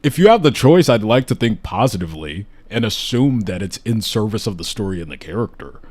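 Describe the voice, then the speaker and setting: A man's voice: fairly low pitch, very animated, fairly quick, a little mellow. A man hosting a casual live podcast chat, talking enthusiastically and rambling with restarts, hiccuping now and then. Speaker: host.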